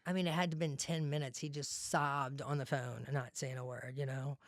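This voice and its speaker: A woman's voice: extremely low pitch, fairly even intonation, moderate pace, dry recording, studio quality. A woman, talking earnestly and emotionally as a podcast guest. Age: 40s. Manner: earnest, emotional, often says "you know what I mean". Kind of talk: heartfelt interview talk.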